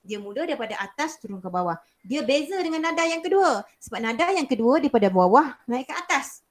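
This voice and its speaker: A woman's voice: high voice, lively intonation, a little fast. A young woman with a Malaysian Malay accent teaching a beginners' Mandarin class, explaining patiently and repeating sounds to demonstrate. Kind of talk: online language lesson.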